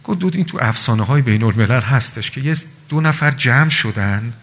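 A man preaching a religious sermon to a gathering, telling stories in a lively, animated way with voiced asides. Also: medium pitch. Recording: long reverb of a large hall.

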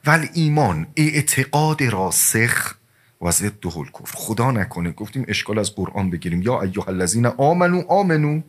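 Animated low-voiced male preacher. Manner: animated storytelling with sudden rises and drops in pitch and loudness; addresses listeners directly as dear ones. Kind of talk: sermon.

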